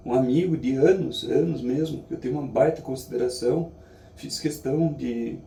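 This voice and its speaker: A Brazilian man reflects out loud in a casual vlog style, earnest and halting. His voice is very dark and creaky. It is picked up from a distance with clear room echo. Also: mid-range voice. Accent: Brazilian Portuguese. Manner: earnest, halting, with frequent tag questions. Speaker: vlogger sharing daily reflections. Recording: echoey, distant mic, faint background noise.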